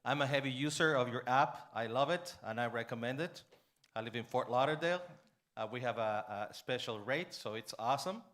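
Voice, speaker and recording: A man's voice: medium pitch, a little fast, fairly bright tone. A man from the audience at a conference asking a long, enthusiastic question, often adding "right?". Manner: enthusiastic, wordy, adds "right?". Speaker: audience member, startup robotics head.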